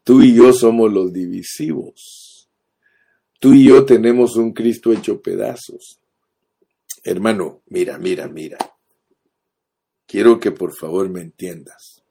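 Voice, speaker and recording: A preacher delivers his sermon in an unhurried, deliberate way, leaning on repeated phrases and turning often to address the listener directly. His voice is low, mellow and a little husky, and he speaks. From Guatemala.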